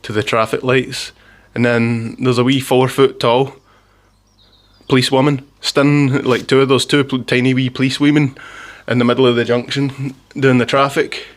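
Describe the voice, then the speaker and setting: A man's voice: medium pitch, flat delivery, normal speed. Scottish guy from ayrshire, mid voice, casual rambly vlog chat, keeps restarting. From Scotland. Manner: rambling, with frequent restarts and chuckles. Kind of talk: casual storytelling monologue.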